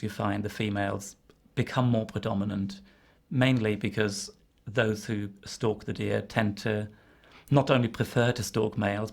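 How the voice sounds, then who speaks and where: A man's voice: fairly low pitch, gravelly, a little mellow. A man talking as an interviewed expert, explaining in an informal but informed way. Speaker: interviewed expert on deer populations.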